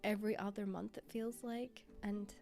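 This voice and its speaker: Sick-sounding young Scottish woman, mellow voice. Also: medium pitch, steady tone, normal speed, vocal fry, soft background music. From Scotland. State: sick with a cold. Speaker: vlogger. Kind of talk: casual sit-down vlog talk.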